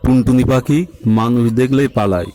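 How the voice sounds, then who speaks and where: A man's voice: medium pitch, fairly quick, dark tone. A man giving explanatory nature commentary, directing viewers' attention to what he is watching. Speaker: amateur wildlife video narrator.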